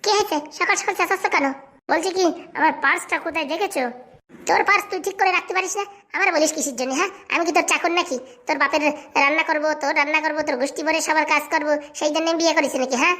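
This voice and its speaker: Shrill, nagging cartoon wife, voiced by a woman. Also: rapid-fire, sharp tone. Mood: scolding. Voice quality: shrill, scolding. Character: sharp-tongued nagging young wife. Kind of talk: cartoon voice acting.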